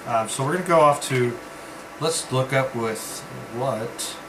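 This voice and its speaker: Male vlog reviewer, mid-pitched, casual and rambling with halting pauses, noticeable room hum behind him. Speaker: vape reviewer. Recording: steady background hum, like air conditioning.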